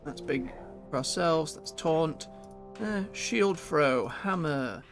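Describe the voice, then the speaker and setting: A man's voice: on the high side, lively intonation, slow pace, music in the background. A man giving casual gameplay commentary as a streamer, chatty and muttering to himself as he goes. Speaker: video game streamer.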